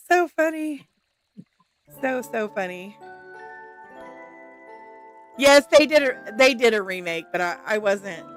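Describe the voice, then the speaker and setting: Giggly chatty woman streamer. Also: mid-range voice. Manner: chatty and giggly, answering viewers. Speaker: gaming streamer. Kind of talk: casual chat while playing a game.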